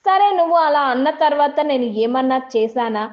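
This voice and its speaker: A man's voice: very high voice, expressive, fairly quick, pitched above the performer's own voice. A woman voicing a defensive young man in a heated argument, speaking in an indignant, raised voice. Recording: dull lo-fi audio.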